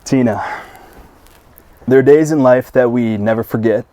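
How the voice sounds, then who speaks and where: Mellow-voiced groom reading vows. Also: male voice, medium pitch, a little slow, no echo, poor audio.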